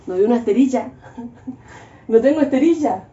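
A woman's voice: a little high, animated, a little fast, dark tone. A young adult woman with a Chilean accent chatting casually as she cooks at home, ranting in a joking, exasperated way. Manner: exasperated, joking rants with frequent laughs. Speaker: vlogger. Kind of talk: casual cooking vlog chat. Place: home kitchen. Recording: echoey, dull-sounding room.

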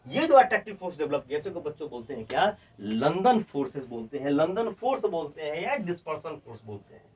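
A man's voice: fairly high pitch, fast talker, husky. A male chemistry teacher with a Bihari accent lecturing a class, repeating each point and dictating notes word by word. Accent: Bihari Hindi. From India. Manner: repeats points and keeps calling the students children; emphatic, animated explaining, dictating notes word by word. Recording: distant, dull lo-fi classroom audio.

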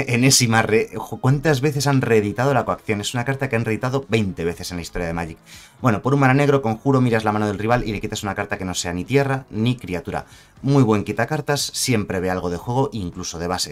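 Low-voiced man, chatty card-review commentary. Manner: chatty, self-correcting, asks rhetorical "¿vale?". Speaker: card game content creator.

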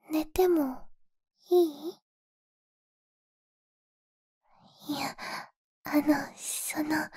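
A woman voicing a shy, affectionate young animal-eared girl in an ASMR role-play, soft breathy bedtime pillow talk close to the microphone. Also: high voice, dry recording. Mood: shy, hesitant. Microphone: close, dry microphone.

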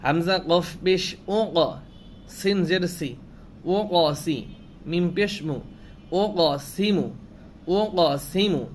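Slow, patient man spelling out syllables. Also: high voice. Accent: Bangladeshi Bengali. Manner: spells syllables slowly and repeats each reading. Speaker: Quran reading teacher. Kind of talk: slow spelling-out recitation lesson. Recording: faint background noise.

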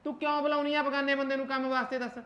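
A woman's voice: high voice, level tone, racing, a bit bright, dull audio. A woman playing a short-tempered husband who nags and scolds his wife. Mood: scolding. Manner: nagging, scolding.

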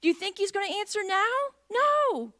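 High bright-voiced woman preacher. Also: very animated, normal speed. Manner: conversational, asks the congregation questions. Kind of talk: sermon. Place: church sanctuary.

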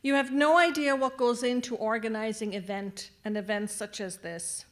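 A woman's voice: a little high, steady tone, normal speed. A woman speaking at a graduation ceremony, addressing the graduates and guiding them through the tassel ritual from a podium microphone in a large venue. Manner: warm, directing the crowd with instructions. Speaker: adult education staff speaker at graduation.

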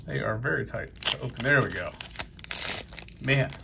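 A middle-aged man with a New England accent chats casually while opening trading card packs in a busy convention hall, his card-vlogger commentary full of fillers and upbeat remarks. His mid-range voice is expressive and creaky, moving at a measured pace over heavy background noise.

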